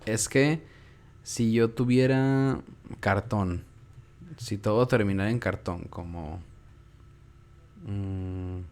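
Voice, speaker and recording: A young man with a Mexican Spanish accent, teaching a relaxed, casual class and repeating words aloud to show where the stress falls. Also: lowish voice, slow pace, long pauses.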